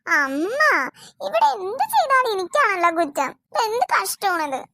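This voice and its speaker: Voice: very high-pitched, very animated, moderate pace, bright, forceful tone, dry recording, clean studio sound, full character voice. A performer voicing a whiny, aggrieved teenage daughter. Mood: complaining. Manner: whining, complaining. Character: aggrieved teenage daughter who always feels blamed. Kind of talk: animated family comedy dubbing.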